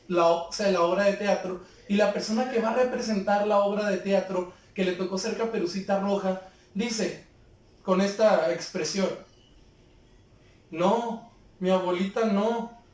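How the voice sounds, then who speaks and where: High-voiced man teaching in an echoey room. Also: a little mellow. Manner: patient, explains step by step with questions to pupils. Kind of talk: remote class lesson. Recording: very echoey room, far from the mic.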